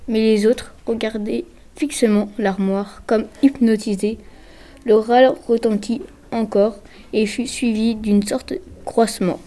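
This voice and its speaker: A woman reading a children's adventure novel aloud in a steady storybook narration. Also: a little high, unhurried. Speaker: reader. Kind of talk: scripted narration.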